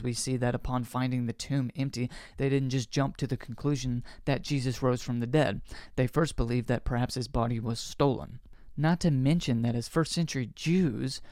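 A man of middle pitch talks through an interview clip as the host of a commentary show. He argues his case earnestly and firmly. His voice is recorded close and dry, without any room echo. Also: a little mellow. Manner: earnest, argumentative.

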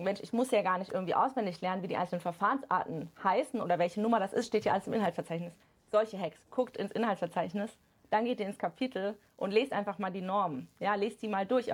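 A woman speaking as a podcast guest, explaining study methods at a brisk clip. Her voice has a gravelly, slightly husky texture. She talks in a casual, animated way with plenty of fillers. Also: medium pitch. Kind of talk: casual chat.

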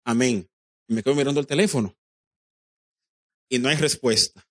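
A man's voice: medium pitch, moderate pace, fairly bright tone, no echo. Preacher guy, emphatic sermon, acts out quotes, dry close sound. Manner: emphatic preaching, addresses the congregation directly, acts out quoted dialogue; drops English phrases into Spanish. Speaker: pastor.

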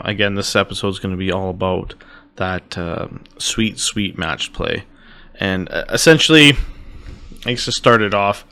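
A man hosts a casual podcast, speaking slowly with a bright, forceful edge to his lowish voice. He rambles and hedges, leaning on fillers as he sets up the discussion. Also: clear, resonant tone. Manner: rambling, hedging, with many fillers. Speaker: podcast host. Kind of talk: casual chat.

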